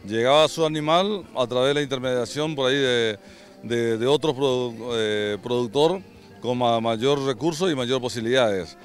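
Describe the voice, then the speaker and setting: A middle-aged man with a mid-range voice gives halting interview remarks outdoors. He speaks into a handheld mic, with faint music behind him. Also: mid-range voice. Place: outdoors by cattle pens. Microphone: handheld reporter microphone.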